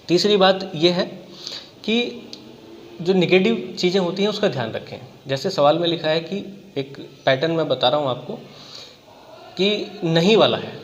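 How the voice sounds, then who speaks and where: A man with a fairly high voice coaches students on exam strategy. He talks in a conversational way, pausing to check that they follow and working through examples. The recording is muffled, with a long reverb behind him.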